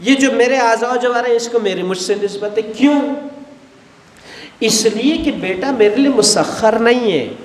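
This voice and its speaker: Lecturing on religion with a headset mic, a middle-aged Shia cleric gestures broadly and animatedly acts out little everyday dialogues, set indoors in a studio with a blue backdrop. His voice is extremely high at a normal speed, and the sound is roomy, like a big room.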